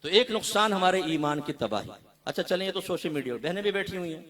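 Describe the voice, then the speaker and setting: A man delivering a sermon as a mufti, his high and bright voice cutting through his points. He swings between forceful, emphatic runs and softer, conversational asides. He likes to act out short exchanges of dialogue. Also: lively intonation, quick pace. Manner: storytelling with quoted dialogue. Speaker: mufti preaching to a gathering.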